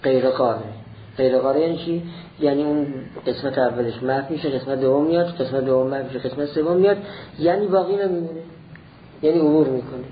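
A man teaching a classical philosophy text in a slow, deliberate lecture, repeating each point step by step. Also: mid-range voice, muffled recording, a little hiss or hum.

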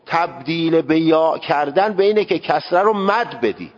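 A man's voice: a little high, expressive. A man teaching a seminary class on religious law, speaking emphatically and sounding out Arabic words to show how they should be said. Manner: emphatic, demonstrates Arabic pronunciation aloud. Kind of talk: religious law lecture to students. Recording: dull lo-fi recording with long hall reverb.

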